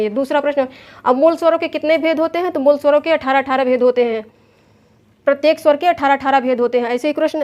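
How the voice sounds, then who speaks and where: A woman, patiently teaching an exam lesson from a chart, repeating terms and counting them aloud. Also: high voice. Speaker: Sanskrit exam coach. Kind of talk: recorded online lesson explaining a chart.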